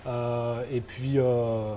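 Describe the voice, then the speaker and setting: Speaking extremely slowly in a warm, mid-range voice with little pitch movement, this young man from France is a guest who founded a football agency. His interview answers are hesitant, full of fillers and restarts, with slight background noise.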